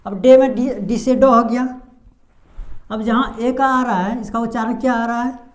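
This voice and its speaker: A woman teaching a pronunciation lesson patiently and step by step, pausing on drawn-out fillers and asking the class rhetorical questions. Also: fairly high pitch, fairly even intonation. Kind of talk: blackboard-style lesson explanation.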